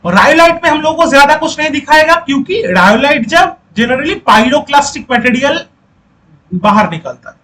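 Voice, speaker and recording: A man's voice: very high voice, animated, a little slow, sharp tone, a little hiss or hum, low-quality recording. A male teacher giving a lecture who repeats key points, quizzes the class and coaxes students to speak up.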